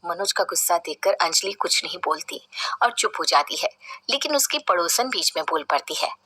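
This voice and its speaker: A woman narrating a family story in a plain, even storytelling way. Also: fairly low pitch, moderate pace, husky.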